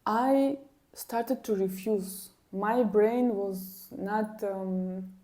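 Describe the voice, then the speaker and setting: A language vlogger whose first language is Kyrgyz tells casual personal stories to camera in a slow, mellow, medium-pitched voice. She's animated and exasperated, repeating words for emphasis and repeating herself a lot when frustrated.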